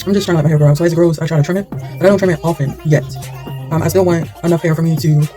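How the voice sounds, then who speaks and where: A woman's voice: low voice, steady tone, very fast, warm tone, faint music behind. A woman chatting candidly while she does her own hair, rambling and losing her train of thought. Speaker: hair vlogger. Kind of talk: casual chat while styling hair.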